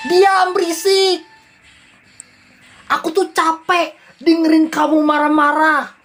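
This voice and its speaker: A woman's voice: very high voice, level tone, slow pace, fairly bright tone, soft background music, voice pushed up, full character voice. A woman reading game dialogue aloud, voicing an angry, bossy husband who scolds his wife in a raised, harsh voice. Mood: angry scolding.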